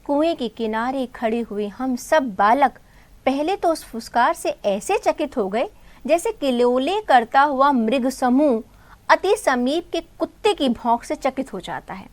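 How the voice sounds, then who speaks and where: A woman teacher speaks at a measured pace in a high, expressive voice, retelling a textbook story in Hindi. She answers the questions she asks, and she addresses students as "beta" and "bhai".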